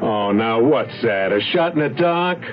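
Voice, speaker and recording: A man's voice: mid-range voice, lively intonation, a little slow, faint music behind, lightly acted. An actor playing a cocky, bullying small-time robber with slangy tough-guy talk in an old-time radio crime drama. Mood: defiant. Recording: noisy, dull lo-fi radio recording.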